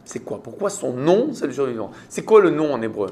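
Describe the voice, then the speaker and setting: A man's voice: medium pitch, very animated, fairly quick, a little mellow. A man with a French accent, a rabbi giving a Torah class and quizzing his students with rhetorical questions.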